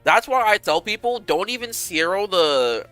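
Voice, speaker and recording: A young man chatting casually with his viewers on a game stream, animated and rambling, swearing freely. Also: high-pitched, normal speed, clean tone, faint music behind.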